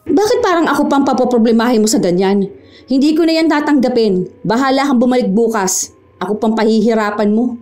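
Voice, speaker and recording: A woman's voice: on the high side, expressive, a little fast, faint music behind, natural voice. A woman playing a snippy young clerk. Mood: irritated. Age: young adult. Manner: sharp, scornful and quarrelsome. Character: rude, haughty young female town-hall clerk.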